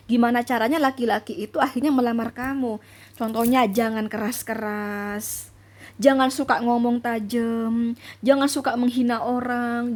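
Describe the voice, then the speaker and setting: A woman's voice: a little high, a little mellow. Chatty woman reading tarot. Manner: chatty, repetitive, addresses viewers directly. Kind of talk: casual tarot reading monologue.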